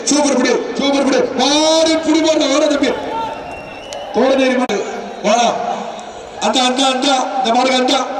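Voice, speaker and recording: A man announcing a bull-taming event through a loudspeaker, loudly repeating calls and urging the tamers. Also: extremely high pitch. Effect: through a loudspeaker public address. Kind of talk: live event commentary. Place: outdoor arena with a big crowd. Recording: echoey loudspeaker from far off, crowd noise.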